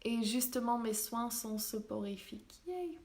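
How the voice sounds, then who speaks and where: A woman with a Québécois accent, a spiritual healer hosting a live stream in soft, gently enthusiastic casual chat. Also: fairly high pitch, expressive. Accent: Québécois French. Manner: soft, unhurried, gently enthusiastic with frequent laughs.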